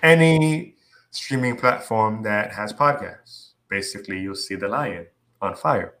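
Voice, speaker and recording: A man with a bright, forceful voice hosts a casual podcast chat. He talks in a playful, pumped-up way and keeps checking in with his listeners with "right?" and "you know what I mean". He sounds loose and upbeat. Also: lowish voice, a little slow. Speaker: podcast host.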